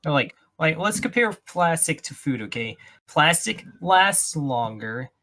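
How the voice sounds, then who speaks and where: A man's voice: fairly high pitch, very animated, a little slow, bright, forceful tone. A young man co-hosting a podcast in casual chat with friends, speaking in a dry, matter-of-fact way. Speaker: podcast co-host.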